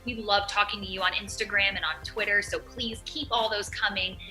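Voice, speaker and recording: A woman's voice: medium pitch, steady tone, brisk, pushed and bright, faint music behind, low-quality recording. A woman co-hosting an entertainment show, chatting in a playful, gossipy way. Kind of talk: casual entertainment chat.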